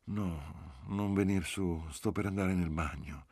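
A man's voice: low-pitched, slow, darkish tone, breathy edge, dry recording, heavily acted. A man voicing a young wife with a caressing, languid way of speaking in an audiobook. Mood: tender. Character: young bride, tender, languid, clingy.

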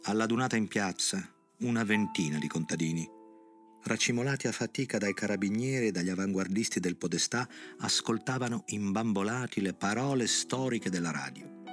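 A middle-aged man reading a novel aloud in a measured, grave narrating voice. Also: fairly low pitch, soft background music.

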